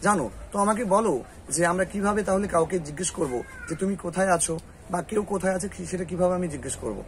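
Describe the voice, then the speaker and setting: A man with a Bengali accent teaching spoken English, quizzing a student patiently and repeating phrases slowly. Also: sits high, slight background noise. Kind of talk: classroom lesson.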